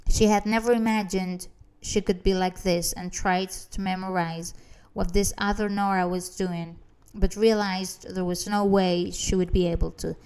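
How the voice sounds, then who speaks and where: A woman narrating an audiobook in a measured, expressive reading. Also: mid-range voice, clear, resonant tone.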